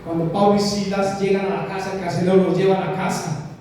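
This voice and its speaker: A Colombian man preaches emphatically, repeating his key lines and calling on the church. His voice sits high but mellow. It echoes with long reverb through a large church hall, picked up from a distance over a faint hum. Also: little pitch movement, quick pace. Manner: emphatic, repetitive preaching with direct calls to the church. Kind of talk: sermon.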